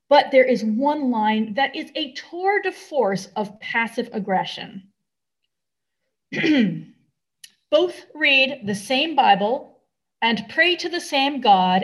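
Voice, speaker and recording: An American woman preaches a sermon to a congregation, speaking in measured, deliberate phrases broken by pauses, her voice on the high side.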